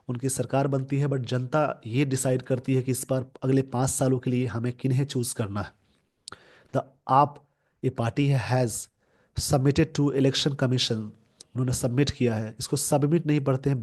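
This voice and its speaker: For exam students, a male teacher unpacks a newspaper editorial in English, slowly reading sentences and then explaining them word by word. He reminds viewers what to jot down and remember, speaking in a warm, mid-range voice.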